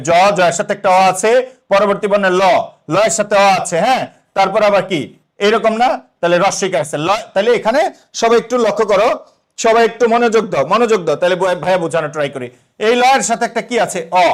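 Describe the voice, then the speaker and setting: A young man teaching an exam-prep lesson, asking the students questions and then answering them himself. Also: high voice.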